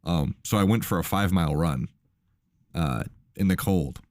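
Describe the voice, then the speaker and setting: A man's voice: low voice, normal speed, a little mellow, no echo, clean studio sound. A young man hosting a casual podcast chat, laid-back and full of fillers. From Minnesota, USA. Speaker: host.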